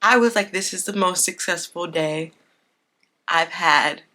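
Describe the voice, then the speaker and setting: A woman's voice: fairly low pitch, a little slow, bright, forceful tone. A woman in her twenties hosting a podcast, talking through her week in a chatty, earnest, unscripted way with lots of "like". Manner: chatty and earnest, leans heavily on "like". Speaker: podcast host. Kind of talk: unscripted casual chat.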